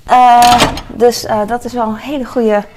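Unhurried and fairly flat in pitch, a middle-aged vlogger with a slightly high, darkish voice chats rambling in her home kitchen, filling her talk with fillers. Clattering dishes and cutlery sound nearby, with slight background noise.

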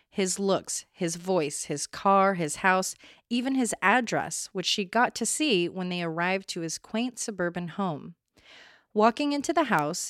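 Low-voiced woman narrating true crime. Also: no echo, clean studio sound. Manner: blunt, opinionated asides. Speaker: true crime podcast host. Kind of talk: scripted true crime narration with personal asides.

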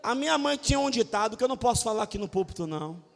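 High-voiced, animated pastor. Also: male voice, racing, gravelly. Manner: animated, jokey preaching with sudden shouts and acted quotes. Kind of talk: lively sermon. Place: church sanctuary. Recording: reverberant church hall.

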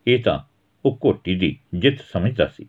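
A man's voice: deep voice, very animated, normal speed. A man reading a village story aloud, narrating and acting out the quarrels between the characters. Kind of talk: storytelling narration with acted dialogue. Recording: tinny phone-like audio.

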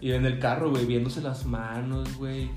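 A man's voice: mid-range voice, moderate pace. Slangy young Mexican man telling a story. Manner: slangy, laughing, animated. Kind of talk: casual storytelling. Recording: echoey room, faint music.

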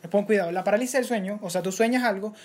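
Venezuelan male co-host, quick animated storyteller, casual chat. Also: high-pitched. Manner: fast, animated retelling with many restarts. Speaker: podcast co-host.

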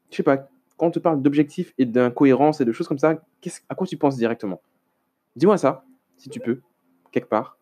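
A man's voice: on the high side, warm tone. A man hosting a casual solo podcast, rambling and hesitant with many restarts and self-mocking asides. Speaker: podcast host.

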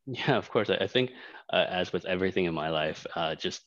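Low-voiced man, dull dry sound. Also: lively intonation, brisk, fairly bright tone, no echo. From Hong Kong, raised in Canada. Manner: hesitant, many fillers and restarts. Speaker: startup co-founder. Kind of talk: casual interview chat.

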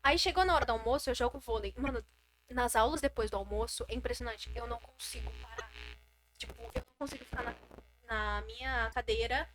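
A teenage girl co-hosting a podcast, telling stories in an animated, swearing casual chat. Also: a little high, a little fast, noisy background. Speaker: podcast co-host.

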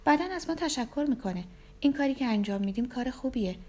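Woman doing a manipulative young woman, storybook figure, soft cajoling flattery, raised pitch. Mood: coaxing. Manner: gentle like a careful kind nurse. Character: beautiful manipulative young woman, coaxing and sly.

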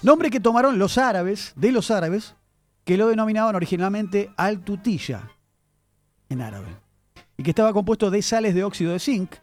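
A man's voice: sits high, lively intonation, normal speed, faint music behind. A man presenting a chatty radio segment on word origins, addressing his listeners as he tells the story. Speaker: radio columnist. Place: radio studio.

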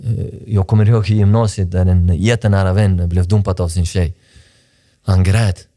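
Deep and warm, the man's voice has fairly even intonation and is recorded in a clean studio without room sound. He's a podcast guest and sports director whose first language is not Swedish, speaking earnestly and reflectively about his past while often restarting what he says.

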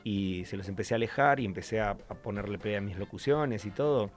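A man with an Argentine accent, a voice actor telling lively anecdotes in a radio interview. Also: on the low side, fast, soft background music. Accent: Argentine Spanish. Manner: animated storyteller, acts out voices in anecdotes. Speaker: voice actor guest.

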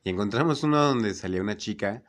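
In a lowish voice and at a fast clip, a young man with a Mexican Spanish accent trades funny stories in casual chat, laughing, animated, and acting out the voices in them.

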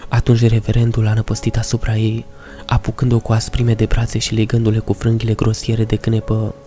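A man reads a first-person horror story in a dark, mellow voice, keeping his pitch low and even. His delivery is measured and somber, with soft music behind him. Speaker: narrator.

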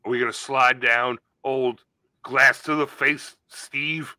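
A man's voice: medium pitch, fairly even intonation, slow pace, bright, forceful tone, dry recording. A man co-hosting a podcast, riffing in casual comedic banter and slipping into silly put-on voices. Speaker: podcast co-host.

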